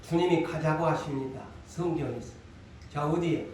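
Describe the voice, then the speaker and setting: A male pastor with a Gyeongsang accent preaches a Sunday sermon in a fairly high voice. He hammers his points home by repeating lines and firing rhetorical questions. The sound is heavily echoey, and he is picked up from a distance in a large sanctuary. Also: moderate pace, darkish tone, slight background noise. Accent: Gyeongsang Korean. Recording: echoey hall, voice from far off.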